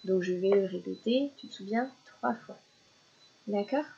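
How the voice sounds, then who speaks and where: A woman teaching young children syllables in a slow, patient lesson, repeating each word clearly. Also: mid-range voice, warm tone, highs cut off.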